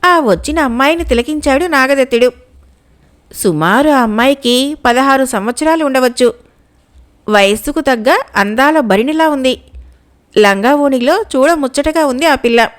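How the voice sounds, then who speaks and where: High-voiced woman telling a folk tale. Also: moderate pace. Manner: steady, expressive reading. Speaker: storyteller. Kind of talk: scripted folk-tale narration.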